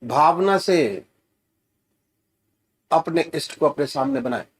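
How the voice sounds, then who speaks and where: Slow, gentle spiritual teacher. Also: male voice, a little high, expressive, husky. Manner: slow, gentle, soothing guidance with rising emphasis. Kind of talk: guided meditation instruction.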